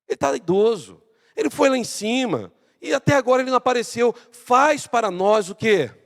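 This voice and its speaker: A man's voice: very high-pitched, animated, fairly quick, a bit bright, in a large hall, heavily acted. A man voicing a grumbling crowd of Israelites who impatiently demand a new god.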